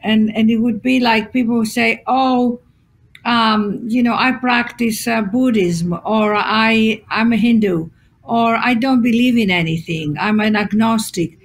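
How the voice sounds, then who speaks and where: Expressive woman, fairly high voice. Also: unhurried. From Greece. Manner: expressive storyteller acting out quotes, many fillers. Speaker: guest author. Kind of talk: conversational podcast interview.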